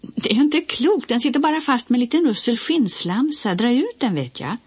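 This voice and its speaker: A woman's voice: on the high side, animated, breathy edge, pitched above the performer's own voice. A woman voicing a blunt, matter-of-fact young boy.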